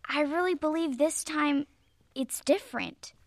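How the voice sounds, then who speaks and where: A woman's voice: high voice, unhurried, no echo. An actress playing an earnest, trusting girl who also narrates parts of a radio drama. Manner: earnest, reasoning.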